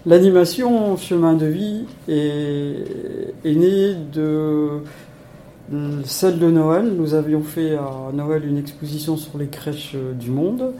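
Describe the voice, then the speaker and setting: Slow, mellow-voiced older woman. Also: sits low, a little hiss or hum. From Lorraine, France. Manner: slow, hesitant, many pauses. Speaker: lay volunteer. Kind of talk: radio interview self-introduction.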